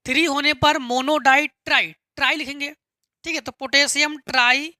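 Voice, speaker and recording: A woman's voice: sits high, steady tone, moderate pace, bright, forceful tone, no room sound, studio quality. A woman teaching a chemistry lesson step by step, patiently asking and answering her own questions and repeating key terms. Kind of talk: classroom lesson explaining step by step.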